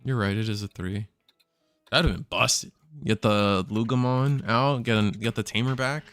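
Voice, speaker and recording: A man casting a card game tournament live, thinking out loud and correcting himself as he talks. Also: fairly low pitch, moderate pace, clear, resonant tone, dry recording, studio quality, soft background music. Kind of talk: live play-by-play commentary.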